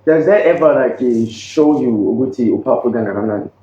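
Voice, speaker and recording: A man with a South African accent hosts a podcast, chatting casually and earnestly, with many restarts and bits of Zulu. His voice is medium-pitched and dark, and he speaks fast. The room sounds dull and echoey.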